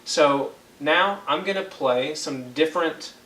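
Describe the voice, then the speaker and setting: A man's voice: on the high side, slow pace, bright, forceful tone. A young man teaching a one-on-one brass lesson, patient and checking in with frequent okays. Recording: echoey room, faint ambient noise.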